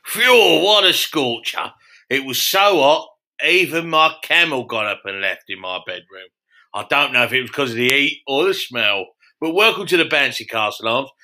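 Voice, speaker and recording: A man voicing a brash, foul-mouthed middle-aged country pub landlord who talks loud and boastful in a comedy podcast. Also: medium pitch, expressive, moderate pace. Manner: boastful, loud, swears a lot. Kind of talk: comedy podcast character monologue.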